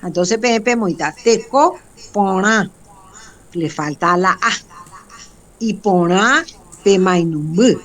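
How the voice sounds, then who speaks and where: A woman with a Paraguayan accent, teaching a language class and explaining exercises in an unhurried, methodical way. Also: mid-range voice, animated. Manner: slow, switching between two languages.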